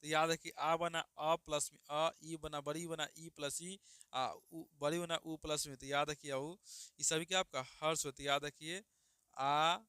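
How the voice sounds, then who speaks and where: A man's voice: fairly high pitch, level tone, moderate pace, bright, forceful tone, clear, resonant tone, no room sound, clean studio sound. A man teaching grammar online, repeating each question and answer and calling students "babu.". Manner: calls listeners "babu" affectionately. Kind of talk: online exam-prep lesson.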